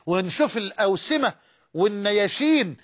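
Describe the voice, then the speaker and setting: A man's voice: high-pitched, lively intonation, normal speed. A man preaching in Egyptian Arabic, delivering an emotive religious lecture that moves between recited scripture and colloquial speech. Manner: emotive, swearing oaths, mixing Quranic recitation with colloquial speech.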